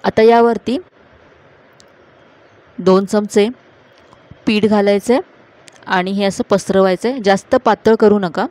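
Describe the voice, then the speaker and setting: Calm woman explaining a recipe. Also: mid-range voice, takes it slowly, pauses often. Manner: calm, instructive, addressing viewers directly. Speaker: cooking channel host. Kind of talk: step-by-step cooking voice-over.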